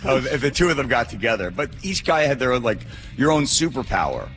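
A middle-aged American man co-hosting a radio talk show, telling casual comic anecdotes in a rambling, animated way on a close microphone. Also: medium pitch, a little fast, over music. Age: middle-aged or older. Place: home room, radio show over remote link. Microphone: close studio microphone with headset.

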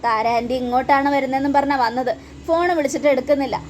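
A woman's voice: sits high, steady tone, rapid-fire, a little hiss or hum, natural voice. A woman voicing an angry, suspicious young man who demands answers in an accusing way.

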